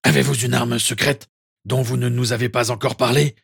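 A man reading a story aloud, voicing a gruff old male auror who questions people in an abrupt, sarcastic way. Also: medium pitch, moderate pace, fairly bright tone, no room sound, clean studio sound, full character voice. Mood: blunt. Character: gruff battle-scarred old male auror, blunt leader. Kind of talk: audiobook character reading.

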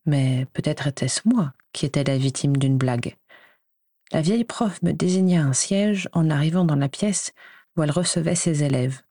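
Low husky woman narrating a story. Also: a little mellow, dry recording, clean studio sound. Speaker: audiobook reader. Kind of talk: first-person story narration.

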